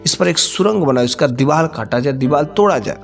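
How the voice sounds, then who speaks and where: Rough male thieves , put on by a storyteller, bicker bluntly in village speech. The voice is gravelly and sits a little high. They sound angry and scheming. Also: lively intonation, brisk, soft background music. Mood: commanding.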